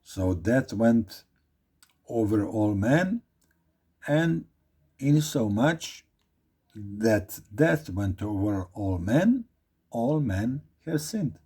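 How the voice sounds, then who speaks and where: In an informal Bible study, a Croatian-accented man reads slowly and deliberately, lingering on each phrase and repeating it aloud. His low, mellow voice has a husky edge and an expressive quality.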